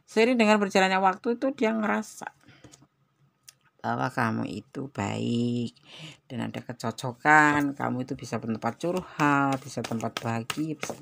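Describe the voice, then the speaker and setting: Low, gravelly-voiced tarot reader. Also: female voice, normal speed, fairly bright tone. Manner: chatty and exclamatory, with frequent religious interjections. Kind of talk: tarot card reading addressed to viewers.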